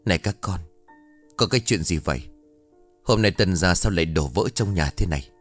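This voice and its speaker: A man's voice: sits low, moderate pace, soft background music. A man voicing a stern, scolding old grandfather in an audio story. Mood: worried. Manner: gruff, scolding.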